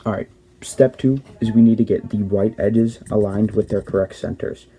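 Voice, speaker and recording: Explaining plainly and frequently fixing his wording mid-sentence, this young cube tutorial host walks viewers through steps in a relaxed way. He talks at a normal speed in a lowish, steady voice that's mellow and husky.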